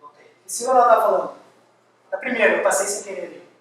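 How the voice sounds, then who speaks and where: A man giving a university lecture, lively and firing quick questions at the audience. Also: sits high. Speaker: guest lecturer. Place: large lecture hall. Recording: echoey hall, distant mic, faint hiss.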